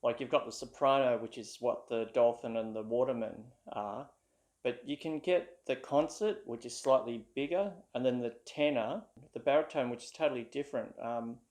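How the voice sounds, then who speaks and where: A man's voice: mid-range voice, a little mellow. Chatty Australian man spinning a yarn. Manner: rambling, with many fillers. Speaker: ukulele vlogger. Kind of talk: casual storytelling.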